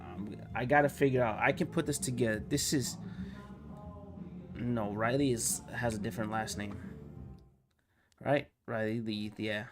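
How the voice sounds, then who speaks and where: A man's voice: mid-range voice, fairly even intonation, a little slow, long pauses, music in the background. A man streaming a video game, joking with chat and reading lines along, sick with a cold. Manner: jokey, chats with viewers, voices characters mockingly. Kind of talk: casual let's-play commentary.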